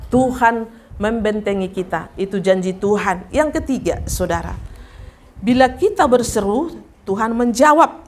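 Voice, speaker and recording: During a church service, a female pastor with a slightly high voice delivers a lively sermon, frequently turning to ask the congregation questions directly.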